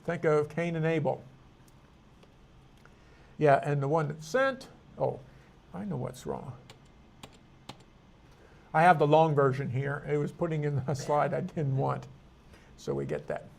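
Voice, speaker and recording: A man leads an informal Bible study, his voice sitting high in pitch for a man. He talks loosely and thinks aloud, circling back on his own sentences and dropping asides as he goes. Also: animated, measured pace, gravelly, pauses often. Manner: rambling, thinking aloud with frequent restarts and asides. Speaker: Bible class teacher.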